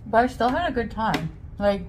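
A woman's voice: fairly high pitch, sing-song, normal speed, darkish tone, a little hiss or hum. A woman in a casual eating vlog, chatting and describing her food while chewing. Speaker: vlogger.

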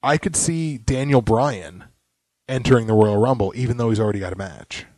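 A man on a podcast, talking through his opinions while he is sick. His voice is mid-pitched and sits dry and close to the mic. He rambles and sometimes drops into muttered asides. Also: brisk, darkish tone, no room sound. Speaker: podcast co-host. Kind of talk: casual wrestling chat.

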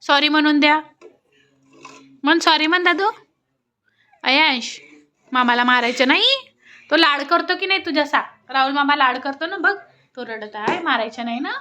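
High-voiced woman vlogging. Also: moderate pace, pauses often, sharp tone. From Sakoli, Maharashtra. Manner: chatty, coaxing a toddler in sing-song tones. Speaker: family vlogger. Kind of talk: casual home vlog. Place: family home indoors.

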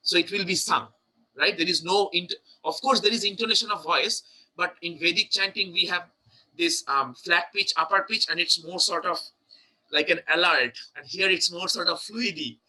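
Man leading a chant lesson, high and bright-toned. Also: poor audio. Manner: chants syllables slowly, then explains in a quick, searching way. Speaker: chanting teacher.

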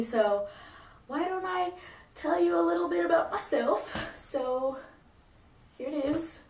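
A woman's voice: high-pitched, recorded from a distance, slight background noise. Bubbly young woman vlogging in a roomy space. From South Korea. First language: not English. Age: 20s. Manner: bubbly and chatty, laughs at herself. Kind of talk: casual facts-about-me vlog. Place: indoors, plain grey wall, small room.

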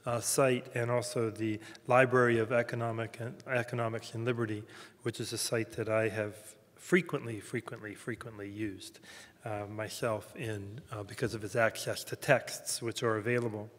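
A man with a Southern American accent giving a formal introduction at a campus lecture, halting often with fillers and restarts. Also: on the low side, flat delivery, a bit bright. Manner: hesitant, many fillers and restarts. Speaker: host introducing a speaker. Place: university lecture room. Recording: reverberant lecture hall.

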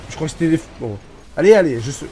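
A man from France giving casual, excitable commentary over his racing game, swearing and mocking himself. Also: fairly high pitch, rapid-fire. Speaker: gaming YouTuber. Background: game music.

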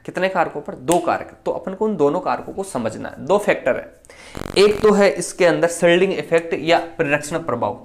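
Fast-talking male chemistry teacher. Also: a little high. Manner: explains step by step, asks and answers own questions; speaks quickly. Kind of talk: online lecture.

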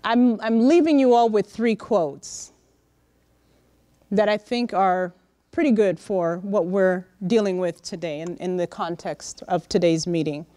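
A middle-aged woman giving a lively, direct motivational talk to young interns in a large conference room, speaking into a handheld microphone. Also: mid-range voice, a little slow, no echo. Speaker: workshop speaker. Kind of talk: motivational professional-development talk.

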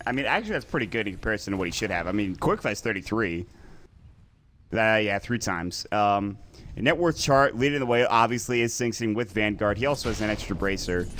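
A man doing play-by-play commentary on an esports match, quick and excitable in fights and laid-back in the lulls. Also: fairly low pitch, a little hiss or hum.

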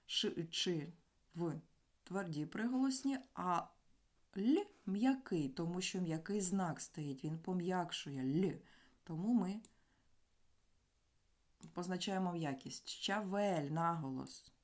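Woman, teacher, slow deliberate explaining, sounds out letters, lowish voice. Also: darkish tone. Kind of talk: school grammar lesson.

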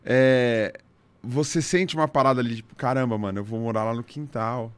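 A man's voice: medium pitch, smooth, no echo. Slangy Brazilian man hosting a podcast. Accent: Brazilian Portuguese. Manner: casual, slangy, halting with restarts. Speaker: podcast host. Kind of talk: casual podcast interview.

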